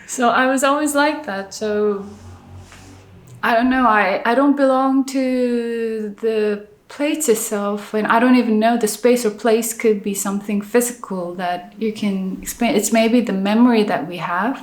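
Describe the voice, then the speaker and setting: Speaking a little high in an echoey space, a middle-aged woman from South Korea who works as an architect reflects on her life in an interview conversation. Her Korean-accented speech is hesitant and considered, full of restarts and soft fillers.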